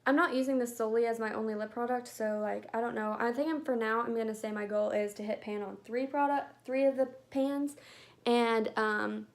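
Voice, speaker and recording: A woman's voice: on the high side, fairly even intonation, brisk. A young woman chatting casually about makeup, rambling with lots of filler words. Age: young adult. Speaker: beauty vlogger. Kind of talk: casual chat.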